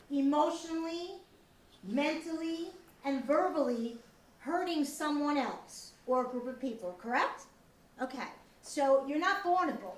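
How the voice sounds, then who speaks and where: A woman teacher giving an earnest, upbeat school lecture to children, asking questions and repeating their answers. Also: high-pitched. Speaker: teacher leading a school lesson. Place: echoey school room. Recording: roomy, distant mic, faint background noise.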